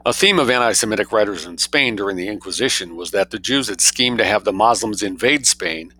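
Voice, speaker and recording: Male reader, lowish pitch, bright forceful tone. Reads academic prose as if dictating, every reference and quote mark spoken. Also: expressive, fairly quick. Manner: dictating, speaks quote marks, citations and spellings aloud. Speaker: narrator reading a scholarly book aloud. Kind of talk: reading a scholarly text aloud.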